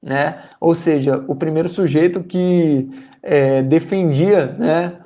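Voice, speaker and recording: Hesitant, mellow Brazilian presenter. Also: medium pitch, slow pace, muffled recording. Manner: hesitant, many fillers and repeated words. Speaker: study group presenter. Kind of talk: summarizing a book in a study group.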